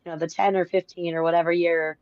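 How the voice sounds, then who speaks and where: A woman's voice: on the low side, little pitch movement, quick pace, a little mellow, no echo. A woman guest on a live stream, losing her voice, telling stories in a rambling way with many fillers. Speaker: guest from a game publisher. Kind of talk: casual storytelling chat. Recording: dry, dull lo-fi call audio.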